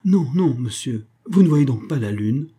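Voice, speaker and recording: A frightened young baroness pleads and commands in a high, insistent voice, as a man reads her lines. The tone underneath stays dark and husky, like an audiobook reading of a period story. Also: lively intonation, normal speed. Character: frightened young noblewoman, baroness, bossy in panic.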